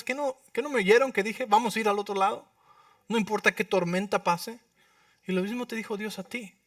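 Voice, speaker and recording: A male pastor preaching a sermon, acting out prayers and dialogue with sudden loud outbursts and often asking the congregation questions. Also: high-pitched, dry recording, clean studio sound, far from the mic. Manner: asks the congregation for agreement with frequent rhetorical questions. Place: church.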